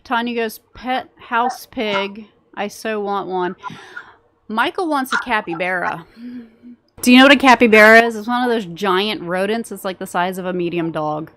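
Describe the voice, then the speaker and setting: A woman's voice: mid-range voice, moderate pace, a bit bright, dry recording. A woman in her thirties hosting a casual chat, giggling and reading out viewer comments. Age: 30s. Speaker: vlog host.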